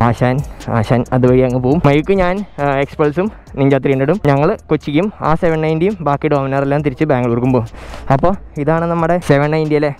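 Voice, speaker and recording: A man's voice: mid-range voice, smooth. A Malayali man chatting casually as a motorcycle vlogger, switching between Malayalam and English words and phrases. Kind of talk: casual vlog chat. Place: outdoors at a roadside and riding a motorbike. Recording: loud outdoor traffic and engine noise.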